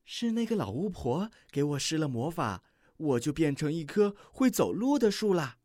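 A kind young deer from a children's storybook speaks softly and gently, as a reader puts him on. He gives in easily and sounds warm-hearted, with a lively, rising voice. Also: mid-range voice, moderate pace, no room sound, clean studio sound, lightly acted. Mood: gentle. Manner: gentle, yielding. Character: kind, playful young deer posing as a tree.

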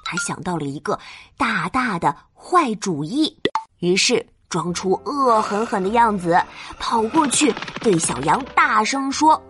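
A woman narrating a children's story as a mother, gentle, playful and expressive. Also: medium pitch, a little slow. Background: children's music.

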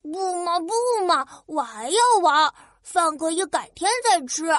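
A woman's voice: extremely high pitch, expressive, unhurried, a bit bright, dry recording, studio quality, pitched above the performer's own voice, exaggerated voice. A woman voicing a playful, stubborn little child who whines to keep playing in a children's story. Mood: whiny. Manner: whiny, bouncy.

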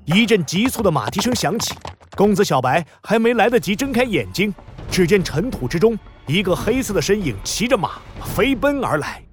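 A man narrating a children's story in an expressive, explanatory way. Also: high voice, moderate pace.

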